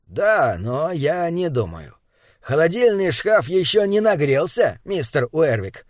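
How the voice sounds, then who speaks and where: A man reading an audiobook, voicing a calm, curious male writer who explains things in a measured, insistent way. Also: fairly high pitch, dry recording, clean studio sound. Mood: reasoning. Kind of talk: audiobook character dialogue.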